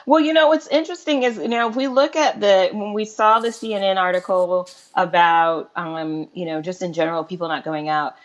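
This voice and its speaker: A woman's voice: on the low side, brisk, hardly any pauses, highs cut off. A woman hosting a casual online talk show, talking things through with many restarts. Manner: animated, thinking aloud with many restarts.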